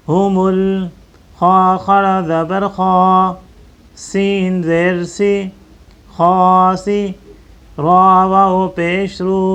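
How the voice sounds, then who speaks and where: Quran teacher with a high, smooth voice. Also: male voice. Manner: slow, drawn-out syllable-by-syllable drilling, quick plain explanations between. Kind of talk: Quran tajweed lesson, spelling out letters and reciting.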